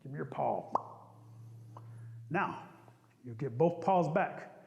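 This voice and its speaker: A man's voice: a little high, animated, slow, creaky, highs cut off, exaggerated voice. A grim, scolding wolf sent to silence the rabbit, as a man telling the tale puts him on. Stern, in a hall with long reverb. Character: grim male wolf enforcer.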